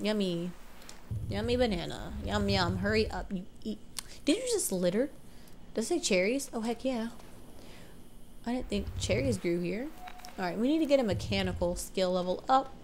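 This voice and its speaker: At a moderate pace broken by long pauses, a young female let's player commentates casually in a mid-range, slightly mellow voice. She's congested from allergies, rambles, keeps correcting herself, and seems unsure; there's a little hiss or hum.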